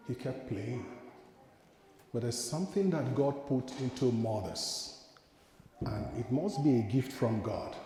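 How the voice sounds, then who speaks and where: Priest telling a story in an echoey church. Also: male voice, medium pitch, dark tone, a little hiss or hum. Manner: conversational, addresses the congregation with questions. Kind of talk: homily storytelling. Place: large church.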